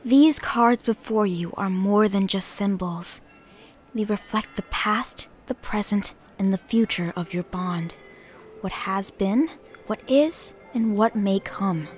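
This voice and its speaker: A woman playing a gentle, earnest young pony princess who tells fortunes in a radio drama. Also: medium pitch, takes it slowly, faint music behind, lightly acted. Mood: solemn, mystical.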